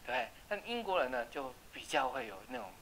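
A man teaching an English class, chatty and checking with students, slowing down to repeat words for pronunciation. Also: a little high, sing-song, vocal fry, a bit bright, slight background noise, rough recording. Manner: asks "right?" often. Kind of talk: classroom lesson.

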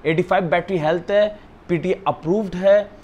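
A man with a Pakistani accent giving an eager, repetitive teleshopping-style sales pitch as a phone retailer. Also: moderate pace, a little mellow, dull audio. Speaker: phone retailer presenting stock. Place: living room of a house, indoors. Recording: some background noise in a room.

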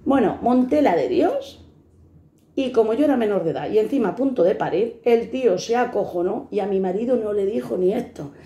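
A woman's voice: mid-range voice, fast, few pauses, mellow. A blunt, fiery woman in her fifties from Spain tells stories from her own life, swearing and acting out the people in them. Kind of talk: personal storytelling to camera. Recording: echoey room.

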